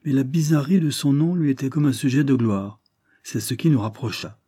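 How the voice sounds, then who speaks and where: A man reading a smooth-talking con man. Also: medium pitch, fairly quick, dark tone, no room sound, clean studio sound, voice pushed up, close to an everyday voice. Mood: persuasive. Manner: earnest, persuasive storytelling.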